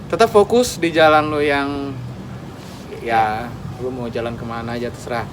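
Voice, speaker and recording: A man's voice: mid-range voice, steady tone, moderate pace. A man hosting a casual interview, laid-back and slangy. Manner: laid-back, slangy, lots of agreeing fillers. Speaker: host, tattoo artist. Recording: recording with clear background noise.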